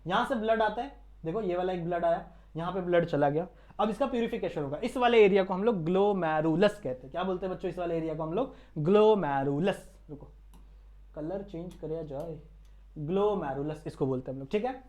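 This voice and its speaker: A man's voice: sits high, a little fast, darkish tone. Indian male tutor, casual lecture style, keeps quizzing the class and answering himself. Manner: quizzes students with repeated questions. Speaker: teacher.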